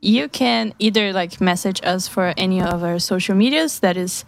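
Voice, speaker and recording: A woman's voice: mid-range voice, normal speed, vocal fry, no room sound. A woman from Brazil, co-hosting a casual radio chat in a studio, giggly and upbeat. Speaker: radio co-host.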